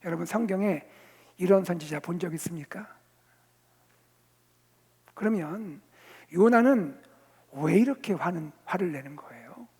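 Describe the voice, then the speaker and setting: A man preaches in a church sanctuary, his voice pitched high with a gravelly, husky texture. He tells the story dramatically, pushing some lines loudly and sinking others to a whisper. A long reverb from the hall trails behind every phrase. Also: measured pace, pauses often. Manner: storytelling, dramatic shifts between loud emphasis and near-whispers. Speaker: senior pastor. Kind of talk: sermon.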